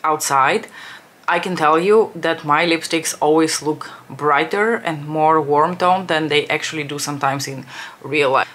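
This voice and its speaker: A young Bulgarian woman works through a makeup tutorial as a beauty vlogger, chatting casually, rambling and correcting herself along the way. Her voice is low but a bit bright, with a little hiss or hum in the background.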